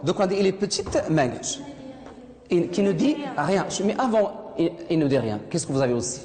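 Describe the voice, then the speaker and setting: A woman's voice: fairly low pitch, very animated, moderate pace. A woman teaching a French lesson to a class, asking questions, repeating students' answers and correcting their pronunciation. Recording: echoey classroom with loud noise.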